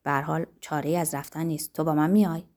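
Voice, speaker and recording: A hurried, worried grown man, as a woman reader plays him in an audiobook. He talks quickly and lower than the narration, in a mellow tone. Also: fairly even intonation.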